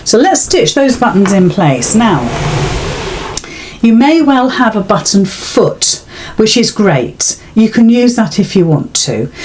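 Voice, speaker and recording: A British woman with a mid-range, darkish voice hosts a sewing tutorial. She walks through the craft step by step in an informal, chatty and reassuring manner.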